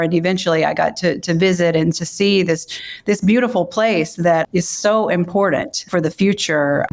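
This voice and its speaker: A woman co-founder talking in a reflective way, with many fillers, in a podcast interview. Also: fairly low pitch. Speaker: brand co-founder.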